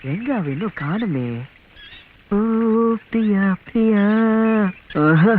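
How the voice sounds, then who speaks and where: An actor playing an exasperated young hero muttering to himself in a comic film with a tinny soundtrack. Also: male voice, sits high, expressive, takes it slowly, slight background noise.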